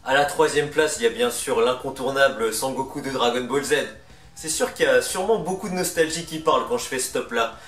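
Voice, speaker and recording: A man's voice: mid-range voice, a little fast, fairly bright tone. Roomy, distant-sounding man presenting a countdown. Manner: informal, chatty, opinionated. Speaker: video host presenting a ranking. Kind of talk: casual countdown commentary. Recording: roomy, distant mic, music underneath. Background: music.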